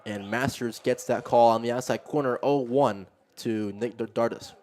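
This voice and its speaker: A man giving live baseball play-by-play, narrating each pitch conversationally as it happens. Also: steady tone, moderate pace, darkish tone. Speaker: play-by-play commentator.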